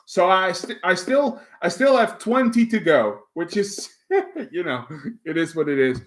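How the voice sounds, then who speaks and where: A native Dutch speaker with a Dutch accent hosts a livestream, chatting casually and reading viewer comments. His voice is high, animated and a bit bright, with a slightly slow delivery. He rambles, full of fillers and restarts.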